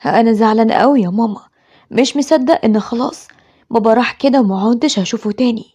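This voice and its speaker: A woman's voice: fairly high pitch, fast, dark tone, husky. A woman with an Egyptian accent voicing a frightened schoolboy who pleads with his mother. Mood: fearful. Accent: Egyptian Arabic. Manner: pleading, fearful.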